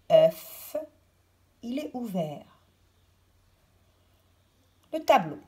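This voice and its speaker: Slow, deliberate woman teaching pronunciation. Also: fairly low pitch, a little mellow. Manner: slow, deliberate, over-articulated word drills. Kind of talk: French pronunciation lesson for children.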